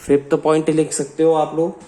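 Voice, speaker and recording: Slight background noise accompanies this fairly high-pitched, monotone, dark-toned male voice. He's an Indian-accented science teacher giving slow dictation of class notes, mixing Hindi with English and spelling words letter by letter.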